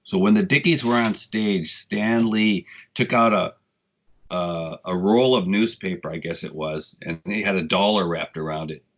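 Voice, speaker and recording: Low-voiced older man telling rambling stories. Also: normal speed. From United States. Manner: rambling, swears freely, animated when quoting people. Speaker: guest. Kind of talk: casual storytelling interview.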